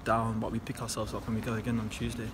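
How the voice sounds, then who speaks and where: Against a noisy background, a young Englishman who plays football fields post-match questions outdoors at night. He talks in a lowish, completely flat voice, quick and casual, leaning heavily on fillers.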